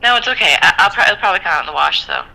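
A young woman calling in, heard through a phone on speaker, chatty and excitable. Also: lowish voice, very fast, vocal fry, a little hiss or hum, poor audio. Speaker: phone-in caller.

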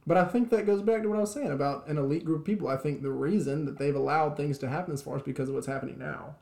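Man, podcast co-host, rambling casual talk, mellow gravelly voice, echoey room. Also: on the high side, racing. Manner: rambling, many restarts and fillers. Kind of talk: casual chat.

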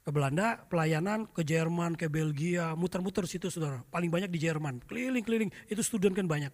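A middle-aged male pastor preaching, telling lively anecdotes and often turning to address the congregation. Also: a little high, brisk, in a large hall. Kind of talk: storytelling sermon.

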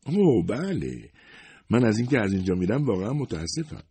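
A man's voice: fairly low pitch, sing-song, mellow, slightly rough, dry recording, voice pushed up, heavily acted. A man voicing a humble, worried secretary in her fifties who talks hesitantly and apologetically. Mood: apologetic. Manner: hesitant, modest, self-excusing.

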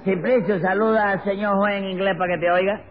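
A man acts out a scheming Cuban fraud posing as a teacher, all stammers and evasions. His voice sits high, and it comes through a thin, phone-like old radio broadcast. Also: steady tone, fairly quick, a crowd in the background, lightly acted. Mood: bluffing. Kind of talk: 1950s radio comedy acting.

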